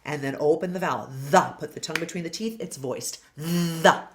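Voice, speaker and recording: Low-voiced woman coaching singing pronunciation. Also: fast talker, a little hiss or hum. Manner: over-enunciates model words, loud and drawn out. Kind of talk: pronunciation lesson.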